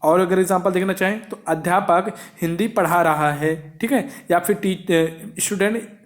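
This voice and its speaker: A man's voice: high voice, fairly even intonation, moderate pace. A man teaching an exam-prep grammar lesson, who keeps asking questions and answering them himself.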